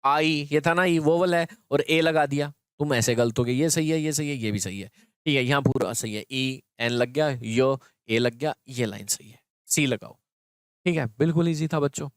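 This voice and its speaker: Male teacher, clear voice, dry sound. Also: medium pitch, moderate pace, dry recording. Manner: explains step by step, often checks in with students. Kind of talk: exam prep grammar lesson.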